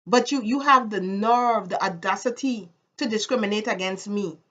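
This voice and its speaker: The dull audio captures a mid-range, fairly bright voice at normal speed from a woman of the Virgin Islands with a Caribbean accent. She gives her opinions to camera in a casual, personal manner. She's emphatic, restating phrases to drive them in.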